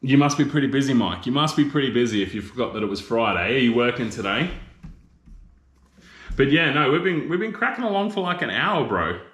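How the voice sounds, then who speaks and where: A man's voice: mid-range voice, lively intonation, a little fast, fairly bright tone. A man in his thirties with an Australian accent hosting a casual live chat with viewers, rambling and teasing them with mate and bro. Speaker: livestream host. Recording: roomy echo.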